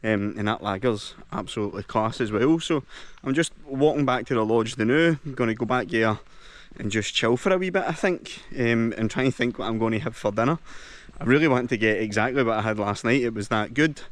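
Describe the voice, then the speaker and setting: A man from Scotland with a mid-range voice speaks a little fast as he vlogs his walk around a lodge and the lochside. He's chatty, enthusiastic and full of local slang, and the recording has no echo.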